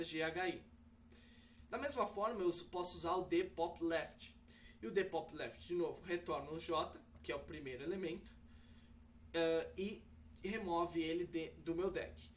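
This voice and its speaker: A man talks through a coding lesson step by step, stopping often to correct himself with fillers. His voice sits a little high. The mic is somewhat far from him, with a faint hiss behind. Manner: explains step by step with many fillers and self-corrections. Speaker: programming teacher. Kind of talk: screen-recorded coding lesson.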